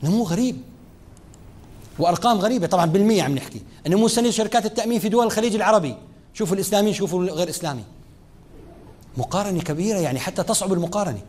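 Rapid, lively lecturer, a man. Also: sits high. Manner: lively teaching, speaking straight to students, mixing formal and dialect Arabic. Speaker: lecturer on Islamic finance. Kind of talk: classroom lecture.

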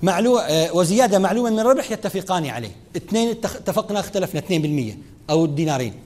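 A male lecturer on Islamic finance gives a classroom lecture in a high voice, speaking rapidly and with energy. He addresses his students directly and mixes formal Arabic with dialect.

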